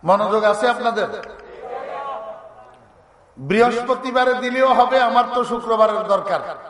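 Man, sermon storyteller, very high voice, long echo over a sound system. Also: measured pace. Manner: lively storyteller acting out characters with loud high exclamations. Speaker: Islamic preacher.

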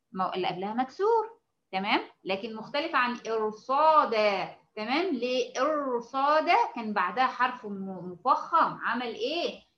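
A woman teacher with an Egyptian Arabic accent giving a patient lesson, often checking that her students follow and drawing out example words slowly. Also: a little high, pushed and bright, dull audio. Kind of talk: online lesson to female students.

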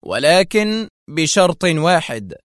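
A man playing a stern male intelligence director in an audio story. His speech is tense and deliberate, firm and guarded, recorded dry with no room sound. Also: fairly high pitch, no room sound, voice pushed up, lightly acted.

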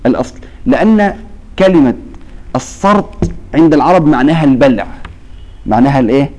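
A man's voice: mid-range voice, animated, darkish tone, lo-fi sound. A man with an Egyptian accent who teaches Quran recitation to a class. He keeps asking his students to fill in the word he is about to say, and he draws out the verses he recites. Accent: Egyptian Arabic. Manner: quizzes students with fill-in-the-blank questions; slow, drawn-out recitation of verses. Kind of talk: classroom lesson.

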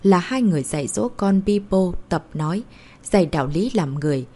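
A woman's voice: on the low side, lively intonation, fairly quick, mellow. A woman voicing an emotional young mother in an audiobook, talking in an earnest, pleading way.

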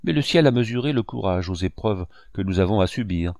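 A man's voice: fairly low pitch, animated, a little fast, gravelly, a little mellow, no echo, clean studio sound. A man reading the lines of a desperate older male banker in an audiobook, pleading and outraged. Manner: agitated, imploring.

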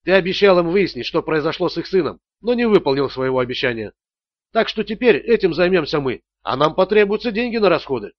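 A man voicing a ruthless male interrogator who speaks in calm, clipped threats. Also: on the high side, fairly quick, no echo, dull audio, close to an everyday voice. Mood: cold.

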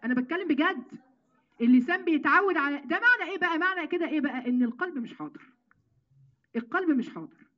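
An Egyptian woman giving a lively Quran commentary lesson, talking conversationally and tossing rhetorical questions to her listeners. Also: high-pitched, very fast, dull audio. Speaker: religious teacher.

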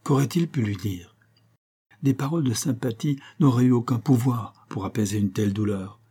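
Husky-voiced man narrating a novel. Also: mid-range voice, normal speed, dark tone. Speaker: audiobook narrator.

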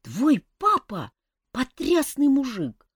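A woman's voice: high-pitched, wildly swooping pitch, takes it slowly, husky, no room sound, clean studio sound, pitched above the performer's own voice, exaggerated voice. A woman voicing a glum, hungover young male elf prince who sighs and complains plaintively. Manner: plaintive, sighing.

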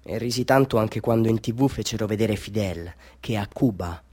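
Lightly acted and on the low side, this performance has an actor voicing a bitter, half-mad villager who tells his story as a radio drama monologue. The delivery is theatrical, moving from hushed confidences to fervent declamation.

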